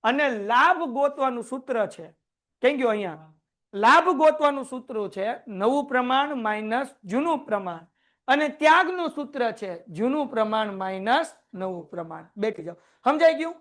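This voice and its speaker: A man teaching a class, lively and joking as he quizzes his students. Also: extremely high pitch, normal speed. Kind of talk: classroom lecture.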